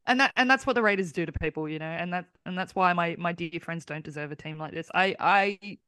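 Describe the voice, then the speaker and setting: A woman's voice: lowish voice, fast, pushed and bright, smooth, dry recording, clean studio sound. Sarcastic woman podcast guest. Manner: sarcastic and laughing easily. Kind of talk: casual sports chat.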